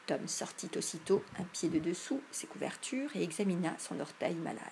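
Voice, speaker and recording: A woman narrating an audiobook in a measured, expressive storytelling manner. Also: on the low side, vocal fry, slight background noise. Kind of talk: audiobook reading.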